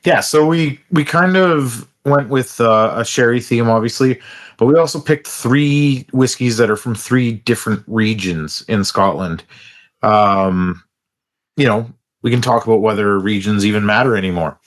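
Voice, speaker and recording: A man co-hosting a casual podcast, speaking in a relaxed, measured way with dry humor. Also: mid-range voice. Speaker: podcast co-host. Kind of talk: casual chat.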